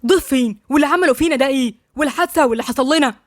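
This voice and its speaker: A woman's voice: fairly high pitch, a little mellow, no echo, studio quality, close to an everyday voice. Woman voicing a hot-headed Egyptian young man. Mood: agitated. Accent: Egyptian Arabic. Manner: agitated, quick.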